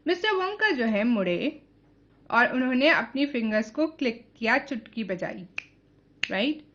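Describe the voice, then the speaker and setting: A woman's voice: fairly high pitch, sing-song, fairly bright tone, lo-fi sound, slight background noise. A woman teacher reading a novel aloud and explaining it line by line. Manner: explanatory, slow. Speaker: English teacher.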